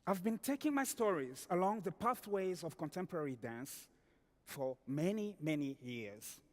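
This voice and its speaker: A man from the Democratic Republic of Congo, a storyteller giving a slow, declamatory spoken-word performance in a large hall, repeating phrases for effect. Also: a little high, lively intonation. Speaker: storyteller and dancer. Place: large hall during an awards ceremony. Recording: long reverb of a large hall.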